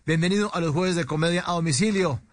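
A man's voice: fairly high pitch, fast, background noise. Male host, chatty, upbeat, slightly raised voice. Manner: upbeat, chatty, prompting questions. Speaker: radio podcast host. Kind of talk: casual interview hosting.

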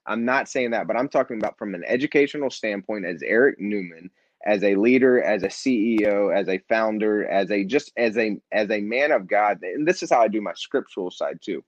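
The guest, a nonprofit CEO and founder, speaks fairly quickly in a lowish voice, driving home his leadership message by repeating phrases emphatically. The conversational, animated interview has no echo, though the sound is a bit dull and low-fidelity.

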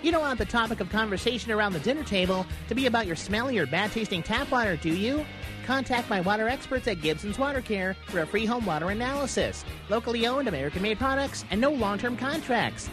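A woman's voice: fairly high pitch, expressive, fast, natural voice. A woman voicing a friendly, chirpy cartoon goldfish mascot in a scripted radio ad. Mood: friendly, pitching. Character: friendly female cartoon goldfish mascot pitching water care. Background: music.

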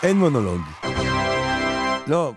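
A man hosting a comic late-night style show, theatrical and excitable, often stammering and restarting. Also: a little high, over loud music, over a noisy crowd. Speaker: podcast host.

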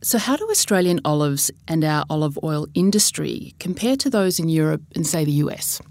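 A woman's voice: low voice, lively intonation, normal speed, darkish tone, dry recording, clean studio sound. A woman interviewer asking brief, direct questions.

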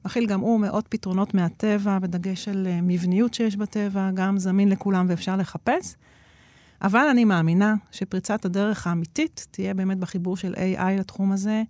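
A woman's voice: medium pitch, fairly even intonation, a little mellow, dry recording. A woman being interviewed as an expert, explaining at length with frequent hesitation fillers. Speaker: guest expert on nature-inspired innovation.

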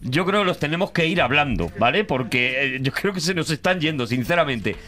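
A man's voice: fairly high pitch, expressive, a little fast, pushed and bright. A man hosting a comedic radio show, teasing the others with ironic, mock-grand remarks. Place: radio studio.

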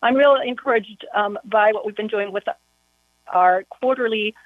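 A woman's voice: mid-range voice, normal speed, dry recording. A woman on a county board, calling in to a casual interview and talking chattily with lots of "you know" fillers. Her voice comes through a muffled phone line, as if heard through a wall.

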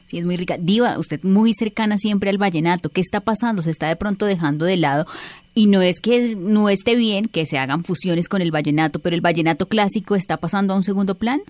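A woman's voice: medium pitch, a little fast, a little mellow, no echo. A woman hosting a casual podcast interview, asking brief, direct questions.

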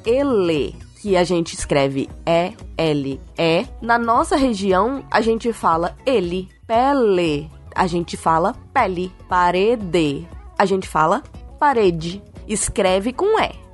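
A woman's voice: medium pitch, expressive, takes it slowly, faint music behind. A woman on a science podcast explaining an answer to a child in a patient, teacherly way.

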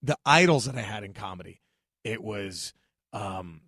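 A man, a stand-up comedian, chatting casually and telling profane, animated stories as a podcast guest, acting out other people's lines. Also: lowish voice, normal speed, dry recording, clean studio sound.

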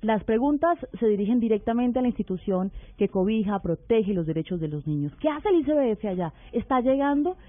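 A woman's voice: a little high, animated, no echo. Woman hosting radio, phone-thin sound. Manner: measured, deliberate, probing questions. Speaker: radio host. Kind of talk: radio talk show hosting. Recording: narrow phone-like radio sound with faint music bed.

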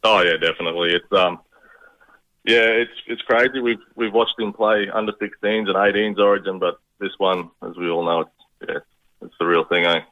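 A man's voice: sits low, steady tone, moderate pace, bright, forceful tone. A middle-aged man with a Queensland Australian accent, chatting casually and a little hesitantly as a guest on a radio call. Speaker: radio interview guest, proud father. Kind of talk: casual chat. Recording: dull, band-limited radio call.

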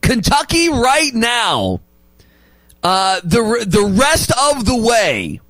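A male sports radio host arguing basketball opinions and rattling off stats, with emphatic loud bursts. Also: extremely high pitch, huge pitch swings, slow, no echo, rough recording.

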